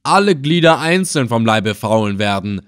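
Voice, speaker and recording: A man voicing a cruel, scornful male slave trader in an audiobook, threatening and loud. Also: mid-range voice, sing-song, normal speed. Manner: sneering, threatening. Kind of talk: audiobook character voice.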